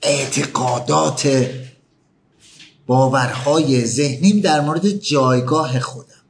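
A man's voice: mid-range voice, gravelly, slight background noise. A man giving a motivational talk, pressing the listener with emphatic questions. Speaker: motivational speaker.

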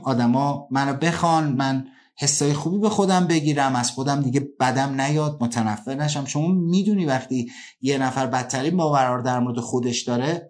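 A man with a fairly high voice gives an earnest self-help talk. He slows down on key ideas and rushes through little scenes from daily life. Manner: earnest, acts out everyday scenes in quick bursts. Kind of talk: motivational talk.

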